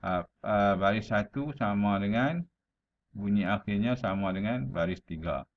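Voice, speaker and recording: Slow-speaking Malaysian male teacher. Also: on the low side, highs cut off. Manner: slow, drawn-out recitation of verses; repeats "ha" as a filler. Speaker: primary school teacher. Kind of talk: classroom lesson recording.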